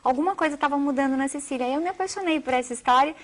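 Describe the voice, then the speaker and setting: A Brazilian woman who is a journalist and author speaks in a high-pitched, slightly bright voice at a rapid-fire pace. As an interview guest on television, she tells stories animatedly in an earnest, emphatic, and wordy way.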